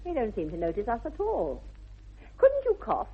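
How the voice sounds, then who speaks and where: A woman's voice: fairly high pitch, wildly swooping pitch, normal speed, slight background noise. An actress playing a haughty, imperious young society lady with an upper-class English accent, grand and affronted, in 1960s radio comedy style. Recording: muffled narrow-band vintage radio recording.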